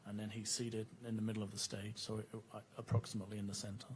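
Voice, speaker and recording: A man testifying as a witness under courtroom cross-examination, measured and factual, in formal official wording. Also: fairly low pitch, completely flat delivery, a little hiss or hum. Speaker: witness, former police officer.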